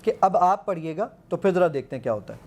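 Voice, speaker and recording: Man, fairly high, mellow tone, eager demo talk with quoted commands, faint noise behind. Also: lively intonation. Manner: eager, quotes himself giving commands, counts aloud. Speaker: app founder demonstrating his app. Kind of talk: animated demonstration in an interview.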